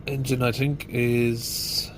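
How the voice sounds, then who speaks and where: A middle-aged mechanic, stuffed up from hay fever, works through a casual diagnostic walkthrough inside a van, thinking out loud with fillers in a plain manner. His medium-pitched voice barely moves in pitch, and he speaks slowly. There's background noise.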